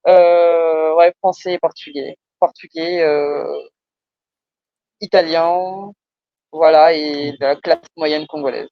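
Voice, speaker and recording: Speaking slowly in a deep, steady voice, a Parisian French entrepreneur explains her business to a coach, often hesitating and repeating words to emphasize them. The recording has no room sound and its highs are cut off.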